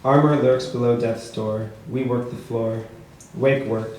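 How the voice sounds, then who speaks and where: Author reading with a mellow, measured cadence. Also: male voice, mid-range voice, fairly even intonation. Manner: measured, rhythmic delivery. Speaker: author reading his work. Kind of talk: poetry reading at a book launch. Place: bookshop event space. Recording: echoey room with faint noise.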